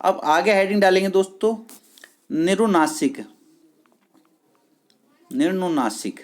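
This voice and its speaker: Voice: mid-range voice, expressive. Patient exam-prep teacher, repeating terms. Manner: drills terms slowly, repeating key words and quizzing with "clear?"; addresses viewers as friends, patient and repetitive. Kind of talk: online exam-prep lesson.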